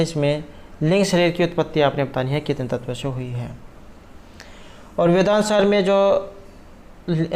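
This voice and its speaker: Man, somewhat high voice; methodical exam tutor. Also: darkish tone. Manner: methodical, walks through answer options. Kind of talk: explaining exam questions.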